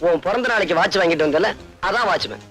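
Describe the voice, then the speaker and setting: A man's voice: sits high, quick pace. An actor playing a husband who teases and coaxes his angry wife. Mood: teasing. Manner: teasing and pleading, animated. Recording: film dialogue over loud music.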